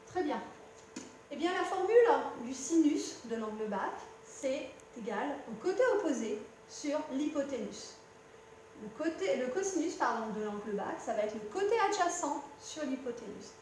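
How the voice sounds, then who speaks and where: A woman's voice: high-pitched, big pitch swings, moderate pace, a little mellow, recorded from a distance. A woman math teacher patiently explaining a lesson at the board, speaking directly to the student and correcting herself as she goes. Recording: very echoey room with faint hum.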